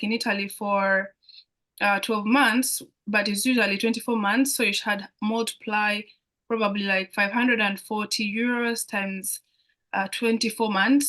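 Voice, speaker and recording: In a mid-range voice with fairly even intonation, a moderate pace and a sharp tone, this young Ugandan woman explains things as an international student guest on a live online Q&A. Her accent is Ugandan, she's a young adult, and she frequently repeats phrases.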